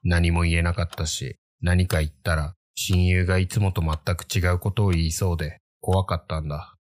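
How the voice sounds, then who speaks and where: A man narrating a creepy ghost story in the first person, in a measured, brooding manner. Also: deep voice, flat delivery, a little mellow, dry recording.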